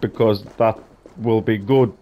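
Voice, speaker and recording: A young man giving excitable, jokey gameplay commentary, swearing often and slipping into mock-heroic asides. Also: on the low side, measured pace. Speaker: gaming YouTuber.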